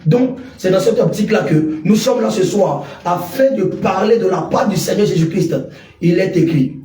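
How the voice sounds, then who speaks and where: High-voiced man preaching on radio. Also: normal speed, dark tone. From Côte d'Ivoire. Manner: declamatory, repeats alleluia. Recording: echoey room, voice a bit far from the mic.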